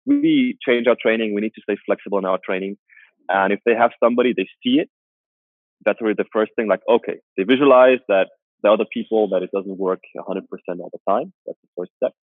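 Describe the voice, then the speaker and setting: A man who works as a strength coach, answering interview questions in a halting way and restarting his phrases often. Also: fairly low pitch, no echo. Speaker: strength coach and personal trainer. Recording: tinny phone-like call line.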